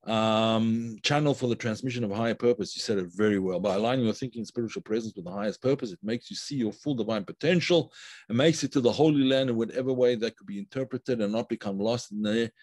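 A man teaching a live online class, unhurried and thinking aloud with many fillers and restarts, stopping to praise viewers' comments. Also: fairly low pitch, darkish tone, no echo. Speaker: Kabbalah teacher.

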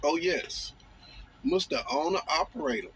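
Man, trucker, casual monologue, slow emphatic drawl, somewhat high voice, phone mic on dashboard. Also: very animated, a bit bright, slight background noise. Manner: drawling, mocking commentary with slow emphatic phrases. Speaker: truck driver vlogger. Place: parked in a truck cab at a rest area.

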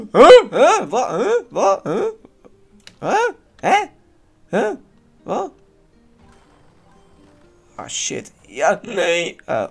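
A man giving casual let's-play commentary in a lively way, swearing now and then and yelling at near misses. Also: medium pitch. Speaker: gaming YouTuber.

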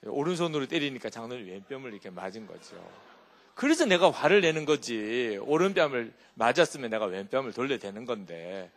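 A man preaches a sermon with a middle-pitched voice that rises and falls widely as he tells stories. He keeps turning to his congregation with quick rhetorical questions. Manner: animated storytelling with rhetorical check-ins to the congregation. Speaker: pastor.

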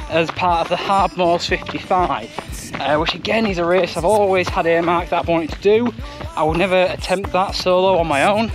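A young man chatting casually to camera while out running on a trail. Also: a little high. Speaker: running vlogger. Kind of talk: casual vlog talk to camera. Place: outdoors on open moorland trails. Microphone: action camera held at arm's length.

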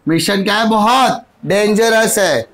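A man's voice: high voice, fairly bright tone. A male grammar teacher with an Indian accent, explaining English in a mix of Hindi and English. He is chatty and playful, calls students "my dear," and asks his own questions before he answers them. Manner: spells out letters and words slowly, one at a time.

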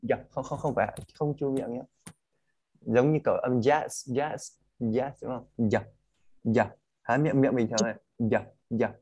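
Male pronunciation teacher, Vietnamese accent, mid-pitched, patiently models each word over and over. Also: steady tone, moderate pace, darkish tone, breathy edge. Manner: corrects sounds by modelling words over and over. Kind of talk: one-on-one English pronunciation lesson.

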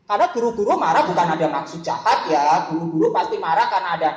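A woman's voice: lowish voice, expressive, fast, lo-fi sound, soft background music. Echoey woman preaching to students. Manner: asks the listeners questions. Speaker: preacher at a school worship service. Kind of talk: sermon to students. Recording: echoey room.

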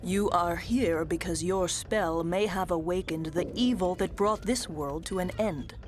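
A woman's voice: lowish voice, a little slow, a little hiss or hum, close to an everyday voice. An actress playing a mysterious old female troll mentor in a cartoon, solemn and commanding, speaking grandly like a drama teacher. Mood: ominous, solemn. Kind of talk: animated cartoon dialogue.

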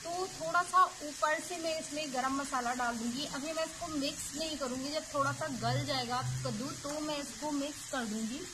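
A woman's voice: sits high, moderate pace, few pauses, background noise. A woman with an Uttar Pradesh Hindi accent, casually explaining each step of her cooking at a clay stove in a village kitchen. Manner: chatty step-by-step explaining to viewers. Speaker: vlogger. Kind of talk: casual cooking vlog narration.

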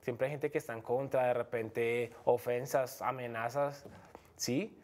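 A young Colombian man with a Bogotá accent speaks at a measured pace in a medium-pitched, fairly even, darkish voice. He's an MMA fighter appearing as a guest on a TV studio set, talking frankly in a casual interview full of fillers and restarts.

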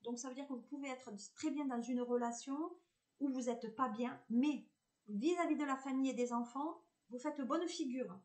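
Woman medium, southern French accent, fairly high voice; chats and reassures viewers through a live card reading, halting often. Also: darkish tone. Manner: chatty and reassuring, hesitant with many fillers. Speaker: medium giving a tarot reading.

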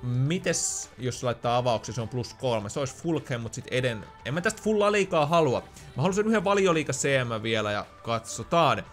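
A man's voice: medium pitch, animated, faint music behind. A man giving casual gameplay commentary, thinking aloud with chatty, joking asides. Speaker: gaming YouTuber.

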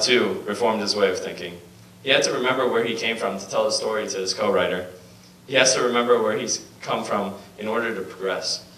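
Young man from Bosnia, earnest speech, lowish voice, distant echoey hall recording with faint hum. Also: a bit bright. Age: young adult. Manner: earnest, with hesitant restarts and fillers. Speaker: student speaker. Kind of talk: prepared speech read at a podium. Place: lecture hall. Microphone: handheld mic, filmed from far.

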